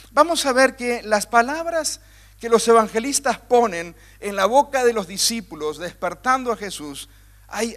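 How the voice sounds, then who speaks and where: Preacher guy with a really bright high voice, emphatic, keeps repeating phrases, talks right to the congregation. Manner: emphatic, building repetition; addresses listeners directly. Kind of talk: sermon.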